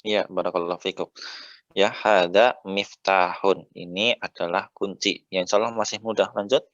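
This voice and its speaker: An Indonesian man teaching Arabic patiently, often saying "ya" and drawing out the vowel endings slowly. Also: low-pitched, steady tone, a bit bright, dry recording, lo-fi sound. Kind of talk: relaxed teaching.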